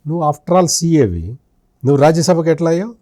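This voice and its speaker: Fairly quick and expressive, a man with a high-leaning, mellow voice offers accusatory political commentary as a senior journalist in an interview. He shoots rhetorical questions at an absent politician, and the studio-quality recording has no echo.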